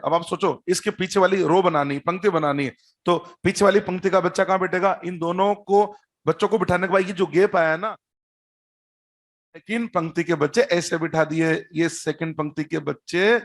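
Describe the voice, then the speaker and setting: A man gives a chemistry lesson in a fairly high voice. He builds each point slowly, repeats key words and fires quick questions at his students. Now and then he drops a teasing joke. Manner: explains step by step, repeats key terms, quizzes students; teasing, joking asides. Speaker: chemistry teacher. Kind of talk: classroom-style lecture at a board.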